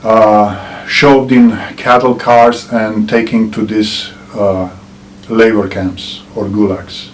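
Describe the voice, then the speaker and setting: A middle-aged man from Romania with a Romanian accent, giving earnest political commentary to camera and pausing often with "uh" and "um". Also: on the low side, level tone, a little hiss or hum, rough recording. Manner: earnest, with frequent "uh" and "um" pauses. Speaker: channel host.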